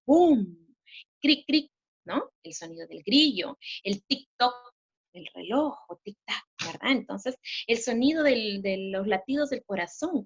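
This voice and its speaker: A woman's voice: mid-range voice, a bit bright. Lady teacher walking through a lesson, keeps asking questions, slightly dull lo-fi audio. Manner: explains patiently, asks rhetorical questions, checks with "¿ya?". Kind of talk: recorded literature lesson.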